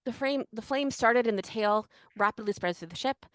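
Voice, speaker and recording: A woman's voice: on the high side, normal speed, fairly bright tone, dry recording. Chatty woman podcast host. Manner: chatty storytelling, filler-heavy. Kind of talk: casual chat.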